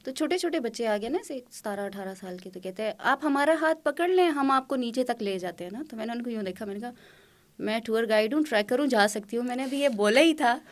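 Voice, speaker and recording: A woman from Khyber Pakhtunkhwa, a tour guide and trekker, telling stories as a guest in a casual podcast interview, lively and acting out quotes. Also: on the high side, few pauses. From Khyber Pakhtunkhwa, Pakistan. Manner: lively storyteller, acts out quotes.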